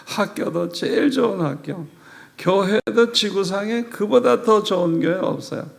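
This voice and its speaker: Gravelly older male pastor preaching. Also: high voice, takes it slowly. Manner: animated storytelling, acting out prayers and quoted dialogue. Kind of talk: revival sermon.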